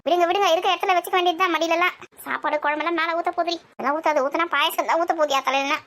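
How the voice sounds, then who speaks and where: A woman's voice: extremely high pitch, steady tone, a bit bright. A woman, playing a village housewife who nags and scolds in everyday family banter. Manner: scolding, nagging, quick back-and-forth.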